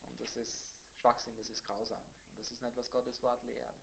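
A man teaching a Bible sermon in a conversational way, with blunt asides, who grows louder and higher when he reads scripture quotes. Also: flat delivery, normal speed, gravelly, a little hiss or hum, poor audio. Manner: emphatic, rising in pitch and volume when reading scripture quotes. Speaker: preacher.

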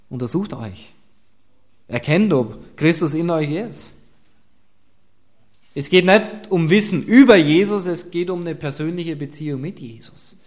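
Male preacher, fairly high voice, earnest, swings between loud emphasis and hushed lines. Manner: earnest, emphatic with sudden drops to quiet; asks the listeners direct questions. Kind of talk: sermon.

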